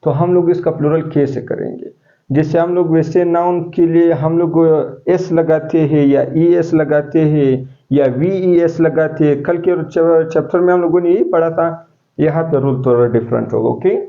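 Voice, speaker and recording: A man's voice: fairly high pitch, steady tone, moderate pace. A male teacher, giving a classroom lecture step by step and asking his students questions as he goes. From Pakistan. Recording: dull lo-fi classroom recording.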